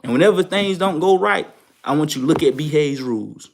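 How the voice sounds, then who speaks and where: A man's voice: a little high, lively intonation, a little fast, gravelly. Casual man preaching trading rules. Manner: loose, preachy, repeats phrases for emphasis. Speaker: trading show host. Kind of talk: casual advice talk to viewers.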